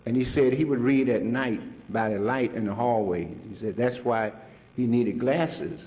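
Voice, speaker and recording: Recalling a mentor in a storytelling talk, an older man speaks casually to his audience and laughs frequently. He has a mellow, medium-pitched voice and a slightly slow pace.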